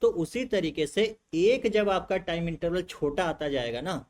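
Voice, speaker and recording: Lively male physics teacher, slightly high. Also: a little slow. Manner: animated, acts out student voices, asks rhetorical questions. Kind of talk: classroom lecture.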